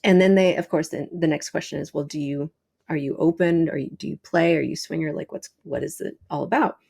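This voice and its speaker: A woman in her thirties talks as a guest sexologist, swearing freely and slipping into the voices of people she quotes. Her voice sits a little low for a woman. She tells her stories in a frank, unpolished way. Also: brisk, creaky, mellow, breathy edge. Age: 30s. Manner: blunt and profane, acts out quoted people. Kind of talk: casual storytelling.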